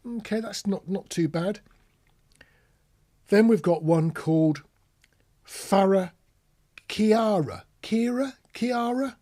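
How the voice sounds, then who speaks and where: Slow, with long pauses, a British man speaks in a high, dark voice. He's a podcast host and radio instructor giving a conversational teaching monologue, working through examples, asking rhetorical tag questions, and spelling out words.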